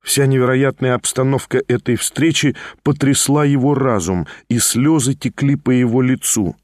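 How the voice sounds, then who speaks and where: A man narrating a classic novel as an audiobook in a steady, measured way. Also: mid-range voice, no room sound, clean studio sound.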